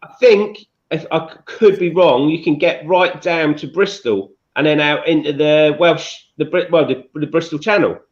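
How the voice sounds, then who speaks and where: A man with a fairly high voice and a London Estuary English accent chats casually on a live stream. He explains things haltingly, often rephrasing as he goes. The audio is somewhat dull and lo-fi. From Scotland. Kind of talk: casual chat.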